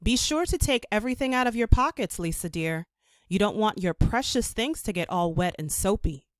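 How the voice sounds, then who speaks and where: Woman as a gentle, practical storybook mother. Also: medium pitch, lively intonation, normal speed, no echo, studio quality, natural voice. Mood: instructing. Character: caring, practical mother of a little girl. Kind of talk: children's storybook character.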